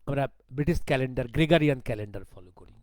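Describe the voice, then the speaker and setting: A man giving a commentary monologue, talking slowly because of a sore throat, firing off pointed rhetorical questions. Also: mid-range voice, darkish tone, no echo. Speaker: political commentator.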